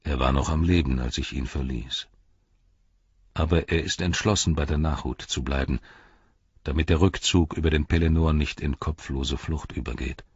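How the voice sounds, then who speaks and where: A man voicing a grave, weary old wizard in an audiobook, speaking low and measured. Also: fairly even intonation, slightly rough, no room sound, exaggerated voice. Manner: low, grave and measured, dropping to near-whisper. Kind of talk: audiobook character reading. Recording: dull, slightly lo-fi dry recording.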